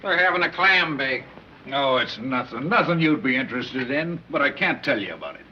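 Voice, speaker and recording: An actor playing a slick big-city gangster who bargains with the police in tough street slang. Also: male voice, mid-range voice, expressive, brisk, natural voice. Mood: pushy, pleading. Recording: dull old 1930s film soundtrack, faint hiss.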